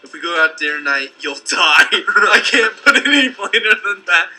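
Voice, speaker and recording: A man's voice: high-pitched, expressive, moderate pace, sharp tone, rough recording. A young man casually commenting on a game, joking, laughing and reading dialogue choices aloud. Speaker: let's play host. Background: game music.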